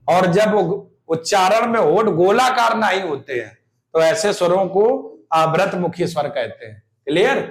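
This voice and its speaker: High-voiced man teaching slowly in an echoey room. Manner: asks questions and answers them himself, checking "clear?"; demonstrates vowel sounds slowly and repeats key terms. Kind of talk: exam-prep Hindi grammar lesson.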